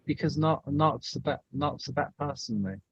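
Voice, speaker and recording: A man speaking as a guest in a casual live-stream chat, muffled as if talking through a wall, slow and halting with a deadpan manner. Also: mid-range voice, creaky, husky, dry recording. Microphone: weak remote microphone. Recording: muffled dull mic, dry.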